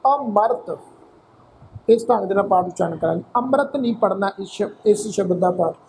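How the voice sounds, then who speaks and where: Patient female recitation teacher from Punjab, India; warm, soft tone, faint hiss behind. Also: mid-range voice, fast, vocal fry, rough recording. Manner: spells words letter by letter, polite and patient. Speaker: scripture pronunciation teacher. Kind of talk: slow recitation with explanation.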